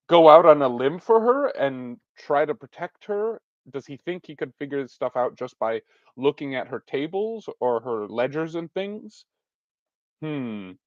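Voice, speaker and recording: A man's voice: mid-range voice, no room sound. Man musing aloud through a solo tabletop game. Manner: musing aloud, self-deprecating. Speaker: game master. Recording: dull, dry recording.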